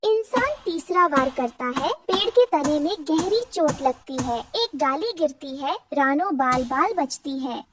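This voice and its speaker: A woman's voice: sits high, animated, a little slow, hardly any pauses. A woman narrating a cartoon story in a dramatic storybook manner. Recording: distant with faint noise.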